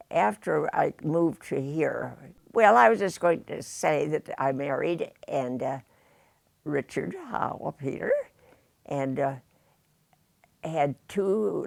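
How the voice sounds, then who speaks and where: Very old woman, slow and heavily creaky. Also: deep voice, a little mellow, no room sound. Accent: Midwestern American. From United States, rural Indiana. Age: very old, about 102. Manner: halting delivery with long pauses and many hesitations. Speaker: interviewee. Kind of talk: reminiscing in an interview.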